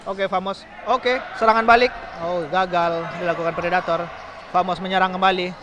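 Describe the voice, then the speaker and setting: A man gives informal, excitable amateur live sports commentary on futsal, drawing out his calls. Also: sits high. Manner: informal, drawn-out calls on big moments. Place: at a futsal court. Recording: muffled, noisy sports hall ambience.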